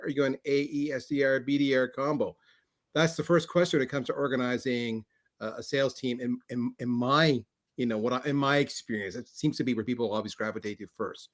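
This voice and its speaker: A man's voice: medium pitch, a bit bright. A man chatting as a panel guest, easygoing and joking as he sets up others. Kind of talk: casual panel chat.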